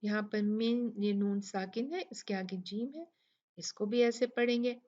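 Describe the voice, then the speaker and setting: A woman's voice: mid-range voice, steady tone, unhurried, darkish tone, highs cut off. A woman with a Pakistani Urdu accent teaching recitation rules, patiently repeating sounds to demonstrate them. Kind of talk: Tajweed lesson explaining rules.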